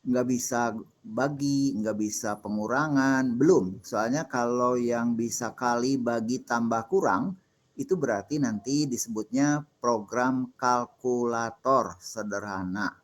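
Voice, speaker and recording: A man's voice: mid-range voice, a little slow. A middle-aged male lecturer takes questions from his class. He explains patiently and methodically, walking through small worked examples one step at a time. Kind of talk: classroom Q&A on assembly programming.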